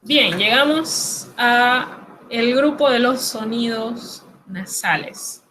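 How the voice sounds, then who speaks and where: A woman's voice: fairly high pitch, slow pace, background noise. A woman teaching French pronunciation in Spanish, patient and reassuring as she explains each sound step by step. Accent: Latin American Spanish. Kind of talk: recorded lesson explaining pronunciation.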